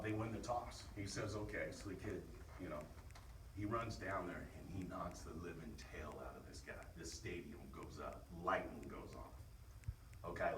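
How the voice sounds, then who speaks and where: A man's voice: deep voice, fairly bright tone. A man coaching football gives a motivational locker-room pep speech in short, emphatic, punchy phrases. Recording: echoey room, distant mic, faint noise.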